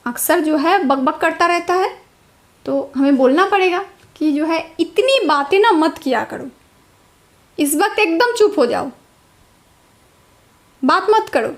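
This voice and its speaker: Slow, high-voiced woman teaching. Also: lively intonation. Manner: repeats each phrase slowly, drilling. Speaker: English teacher. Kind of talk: slow spoken English lesson.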